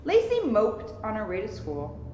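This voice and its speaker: Warm in tone and medium in pitch, a young adult woman's voice swoops wildly as she reads a children's storybook at a normal speed, breaking off for chatty remarks. She is a police officer, reading in an indoor lounge at a borough hall. The room is echoey and the sound muffled, with some noise.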